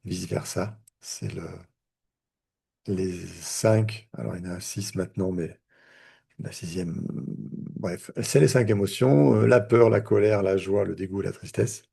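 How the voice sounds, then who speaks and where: A man's voice: deep voice, a little slow, gravelly, warm tone, slightly rough. A man, a therapist, teaching a live online lesson in a conversational way, with many fillers and restarts. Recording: video call audio.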